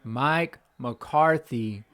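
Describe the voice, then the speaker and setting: Speaking from home, a young sports fan channel host vents after the game in a medium-pitched, slightly bright voice, stretching his words out. His voice cracks as he rambles and circles back to the same points in his frustrated reaction.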